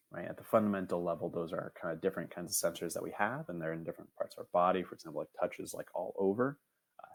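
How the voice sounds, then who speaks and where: A young man teaching an online robotics lesson in a casual, rambling way, often checking in with "right?" and filling pauses with "um". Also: deep voice, vocal fry. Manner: casual, filler-heavy, frequent "right?" checks.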